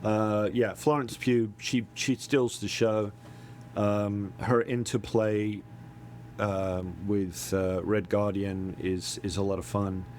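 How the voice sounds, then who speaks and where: A middle-aged man with a fairly low voice chats casually as a podcast co-host. He talks haltingly, full of ums and repeated words. A faint rumble sits under the recording. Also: steady tone, darkish tone. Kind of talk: casual chat.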